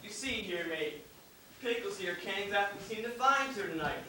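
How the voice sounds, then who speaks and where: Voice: medium pitch, animated, moderate pace, sharp tone, a little hiss or hum. A stage actor playing a folksy old sailor who sounds mock-philosophical in rustic dialect. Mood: sage. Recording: echoey hall, distant mic.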